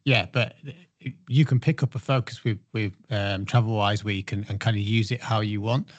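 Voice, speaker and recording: Low-voiced man on muffled call audio. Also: fairly even intonation, moderate pace, dry recording. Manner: agreeable, loose, lots of fillers. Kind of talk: casual online meeting chat. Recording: dull, dry online call audio.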